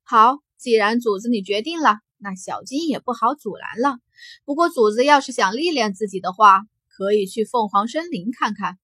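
A woman voicing an eager, loyal little spirit-beast companion who talks in a chatty, excited way in an audiobook. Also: on the high side, moderate pace, breathy edge, dry recording, full character voice. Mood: earnest.

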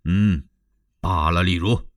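A man's voice: low voice, fairly even intonation, takes it slowly, no echo, studio quality. A male storyteller voicing a doting, blustering old chancellor who coaxes and fusses. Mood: coaxing. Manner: fussing, coaxing old voice.

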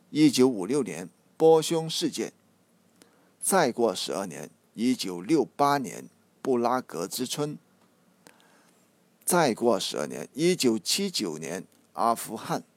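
Man, joke narrator, mid pitch, measured dry delivery, dead close recording. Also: no room sound. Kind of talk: reading numbered political jokes aloud.

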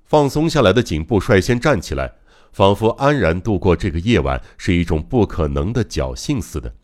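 Deep-voiced man reading a suspense story. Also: big pitch swings, moderate pace, a little mellow. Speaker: audiobook reader. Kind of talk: audiobook narration of a mystery novel.

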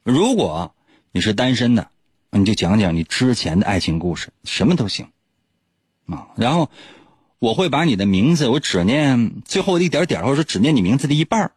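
Husky joking man. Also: mid-range voice, big pitch swings, a little fast, darkish tone, no echo. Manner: teasing, chuckles often. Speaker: radio host. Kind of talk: joking storytelling. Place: radio studio.

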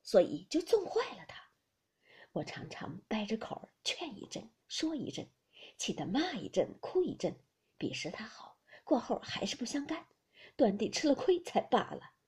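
Woman reader as a worried fifty-ish noblewoman, breathy and hushed, lively swings of pitch. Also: moderate pace, full character voice. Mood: grieving. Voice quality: soft breathy half-whisper. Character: anxious noble mother near fifty. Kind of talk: audiobook reading of a classic novel.

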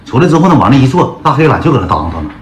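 Fast, animated Northeastern Chinese man. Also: mid-range voice, a little hiss or hum. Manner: animated and crude, acting out every voice. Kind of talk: comic personal storytelling. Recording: echoey room with loud music.

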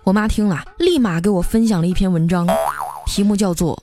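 A woman's voice: medium pitch, fairly quick. A young woman hosting a podcast and telling funny everyday stories in a playful, laughing way. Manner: playful, laughing, acts out quoted family voices. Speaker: podcast host. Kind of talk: comic storytelling. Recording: music bed under voice.

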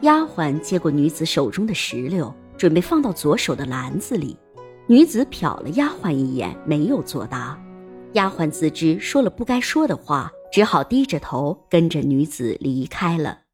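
A woman narrating a historical-fiction audiobook in an expressive storytelling manner. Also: low voice, normal speed, soft background music.

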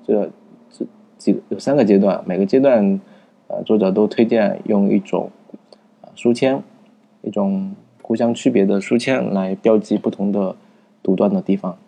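A man with a low, gravelly voice, very dark and husky in tone. He explains a book's reading method in a loose, conversational way, hesitating often with fillers and starting his sentences over. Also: steady tone, moderate pace. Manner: thinking aloud with many fillers and restarts. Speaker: book review narrator. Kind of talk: casual spoken book summary.

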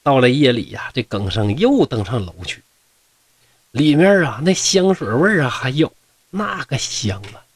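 A middle-aged Northeastern Mandarin speaker delivers a classic tale as folksy comedy, frequently turning aside to talk to his audience. He speaks at normal speed in a very animated, mid-range voice with a slight roughness.

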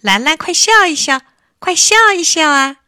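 A woman's voice: high voice, animated, unhurried, pushed and bright, no room sound, clean studio sound, voice pushed up, heavily acted. Woman doing a sweet, kind little girl. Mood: cheerful.

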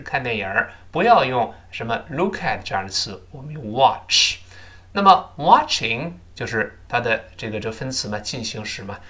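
Guy teaching english sounds, very up-and-down voice, drills phrases slow n clear. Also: medium pitch. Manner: repeats English phrases slowly and emphatically for students to echo; explains in a lively, conversational teaching tone. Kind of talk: spoken English pronunciation lesson.

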